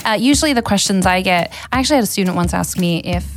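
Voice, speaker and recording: A woman co-hosting a podcast in casual chat, teasing and quick to laugh. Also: mid-range voice, expressive, soft background music. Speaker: podcast co-host, professor.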